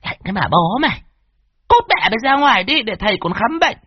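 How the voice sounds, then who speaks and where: A woman's voice: a little high, very animated, fast talker, slightly rough, no room sound. A woman voicing a spoiled, rude young mistress who is terrified, in an audio horror story. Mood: bossy, weak. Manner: shrieking, bossy. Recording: dull lo-fi dry recording.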